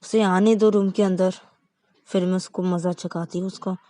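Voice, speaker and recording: A woman voicing a furious, bossy young wife in a narrated story, scolding in shrill outbursts. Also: flat delivery, moderate pace, dark tone, close to an everyday voice.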